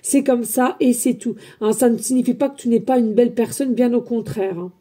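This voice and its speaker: Loud, energetic woman medium chatting to viewers, husky high voice. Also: fairly quick. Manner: loud, emphatic, energetic talk; chatty, addresses viewers as friends. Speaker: medium giving a spiritual guidance reading. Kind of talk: casual spoken guidance to viewers.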